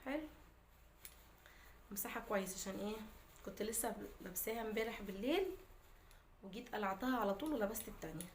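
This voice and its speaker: A woman's voice: mid-range voice, fast, pauses often, a little hiss or hum. A woman with an Egyptian Arabic accent, chatting casually to her viewers in a daily vlog. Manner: chatty, talks straight to viewers. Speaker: vlogger.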